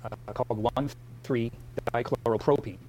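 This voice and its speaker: A man's voice: medium pitch, steady tone, normal speed, darkish tone, a little hiss or hum. A man joining a radio talk show as a guest over an online link, his audio breaking up and dropping out as he gives brief, apologetic replies. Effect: audio breaking up over a bad online connection. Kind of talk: radio call-in interview. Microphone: remote computer connection. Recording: distant, dropping-out internet feed.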